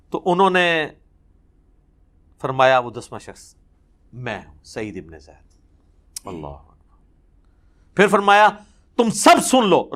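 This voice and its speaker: In a high-pitched, slightly bright voice, a man delivers a fervent religious lecture. He recounts traditions with a lilt, repeating himself emphatically.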